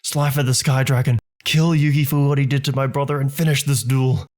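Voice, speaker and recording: A man's voice: medium pitch, fairly even intonation, fairly quick, pitched above the performer's own voice, natural voice. A man playing a cruel vengeful rival. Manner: cold, smirking, bursts into shouting. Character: cruel vengeful young male rival duelist.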